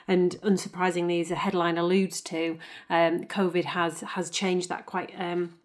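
Low, flat-toned woman co-host. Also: moderate pace. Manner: chatty, asks long questions. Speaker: podcast co-host. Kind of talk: casual podcast chat.

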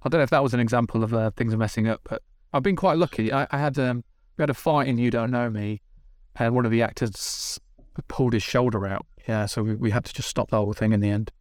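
A man, a TV director, telling animated casual stories on a podcast, swearing and acting out what people said. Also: mid-range voice, fast talker, no echo, clean studio sound. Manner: animated, swearing, acts out dialogue. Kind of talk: casual storytelling. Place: podcast studio.

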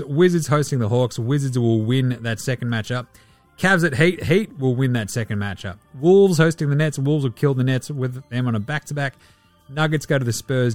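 A man with an Australian accent hosting a sports podcast in casual, blokey, sweary chat. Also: medium pitch.

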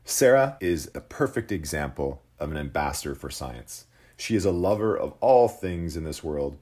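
A man's voice: extremely low pitch, darkish tone, breathy edge. A man hosting a podcast, asking questions in a friendly, upbeat way. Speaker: podcast host. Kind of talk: interview hosting.

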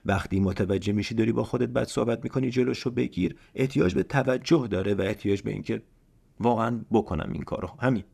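A man's voice: medium pitch, creaky, darkish tone. A man hosting a self-help podcast, talking earnestly and pleading with the listener, often repeating key lines and asking rhetorical questions. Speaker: podcast host. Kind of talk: motivational self-help talk.

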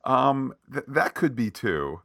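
A man's voice: mid-range voice, very animated, takes it slowly, a bit bright, no echo, clean studio sound. A man co-hosting a podcast, recapping a TV episode in casual chat, wordy, with lots of "uh" fillers and jokey tangents. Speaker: podcast co-host.

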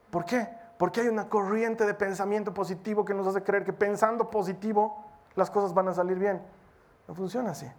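A preacher giving a sermon in an earnest, exhorting manner, speeding up and slowing down for emphasis. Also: mid-range voice, darkish tone. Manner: acts out short quoted prayers and dialogue.

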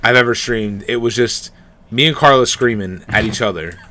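A young man co-hosting a casual podcast, joking around in an animated way. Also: medium pitch, moderate pace. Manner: animated, jokey, puts on silly voices for his dog. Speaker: streamer and podcast co-host. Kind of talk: casual chat.

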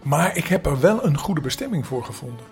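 An older man voicing a poor, kind-hearted old hat seller, speaking mildly and gently. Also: a little high, big pitch swings, fairly quick, gravelly, soft background music. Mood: gentle.

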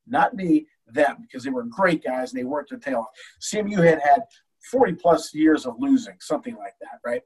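An older man, a baseball coach, telling an emotional story in an animated way with many restarts. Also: on the high side, moderate pace, breathy edge, recorded from a distance, low-quality recording. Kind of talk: storytelling in a talk show.

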